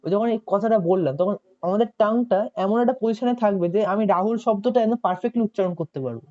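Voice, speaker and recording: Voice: medium pitch, fast, darkish tone. A tutor giving a chatty online coaching lesson, often asking students questions and checking if they follow. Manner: chatty, asks students questions and repeats "ঠিক আছে". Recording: dull lo-fi audio.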